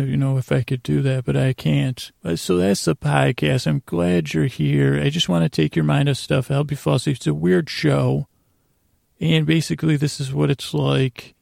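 This podcast host, a man with a mid-range, creaky, gravelly voice, drifts through a bedtime sleep monologue full of halting starts. He lets thoughts trail away, loops back to them and offers goofy nonsense with a straight face. It's recorded at studio quality without echo.

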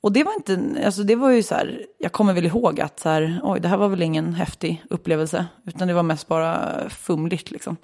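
Woman, late twenties, from Sweden, slightly low voice, casual storytelling, candid, swears freely. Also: hardly any pauses, a little mellow. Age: 20s.

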